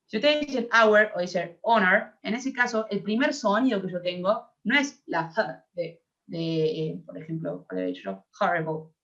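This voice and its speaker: A woman's voice: mid-range voice, lively intonation, normal speed, fairly bright tone. A young woman with an Argentine accent teaching an English grammar class, explaining patiently and checking that her students follow. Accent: Argentine Spanish. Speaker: English tutor. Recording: dull lo-fi audio.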